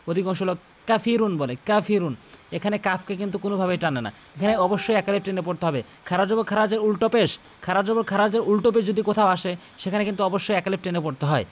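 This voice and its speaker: High-voiced man, patient recitation tutor, drills words again and again. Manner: repeats words slowly and corrects common mistakes. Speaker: Quran recitation teacher. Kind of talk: tajweed lesson with demonstrated recitation.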